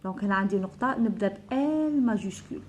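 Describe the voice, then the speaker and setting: A woman with an Algerian accent, a primary school teacher explaining a French lesson step by step, slowing down to stress syllables. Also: medium pitch, expressive, a little mellow, dull audio, slight background noise. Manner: slows and stresses syllables when spelling. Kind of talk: recorded classroom lesson.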